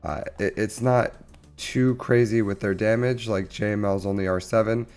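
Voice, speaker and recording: A man with a slightly low voice talks through gameplay in a casual, halting way. He sounds under the weather, as if recording while sick. Faint music plays behind his voice. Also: fairly even intonation, a little mellow, clean tone. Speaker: host of a gaming channel.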